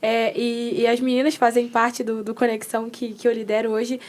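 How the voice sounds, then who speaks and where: A woman's voice: a little high, flat delivery, normal speed, darkish tone. A woman who leads a small faith group, explaining things in a friendly, casual way. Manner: friendly, explanatory, short affirmations. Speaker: small-group leader and host.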